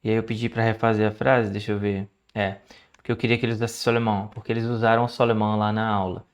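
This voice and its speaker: A man with a Brazilian Portuguese accent, chatting through his language study notes in a casual, explanatory way. He slows down to sound out foreign words and keeps checking in with "right?". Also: lowish voice, little pitch movement, clean tone.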